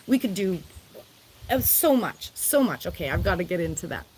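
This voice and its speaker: A woman's voice: lowish voice, sing-song, moderate pace, background noise. A woman who works as a social worker, hosting a live stream with effusive, rambling talk and frequent laughter, recorded on an outdoor deck. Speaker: spiritual vlogger and social worker.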